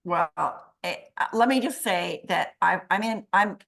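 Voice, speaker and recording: Slow-spoken woman giving grateful thanks. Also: fairly low pitch, creaky. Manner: warm, grateful, hesitant. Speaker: graduating health coach student. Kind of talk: graduation thank-you speech on a video call.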